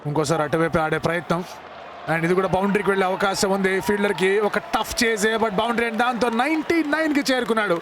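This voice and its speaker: A man's voice: high-pitched, fast. A man with an Indian accent, lead commentator giving Telugu cricket commentary mixed with English. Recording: live broadcast with noisy stadium crowd. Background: cricket crowd noise.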